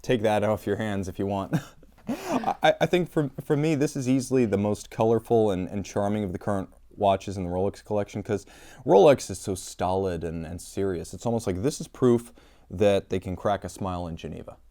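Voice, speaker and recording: A man's voice: lowish voice, animated, moderate pace, mellow. A man hosting an interview, articulate and enthusiastic, asking a collector questions. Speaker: host.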